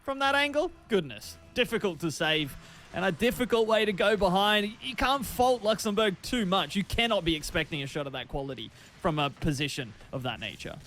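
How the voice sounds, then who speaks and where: A man casting an esports match, calling plays quickly with frequent restarts. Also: high-pitched, animated, fairly bright tone, faint music behind. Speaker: esports caster. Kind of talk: esports play-by-play commentary.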